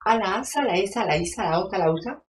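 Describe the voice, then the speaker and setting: A woman voicing a loud, vain diva actress who name-drops and talks down to everyone, over faint background noise. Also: medium pitch, animated, a little fast, natural voice. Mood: snooty. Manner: loud, brassy, name-dropping, fussy.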